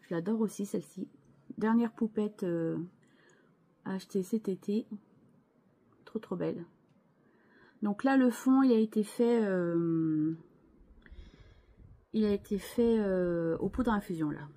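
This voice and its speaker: A woman's voice: medium pitch, unhurried, long pauses, warm tone. A woman hosting her scrapbooking channel, chatting casually as she shows her craft pages, hesitant and full of restarts, with chatty asides to viewers.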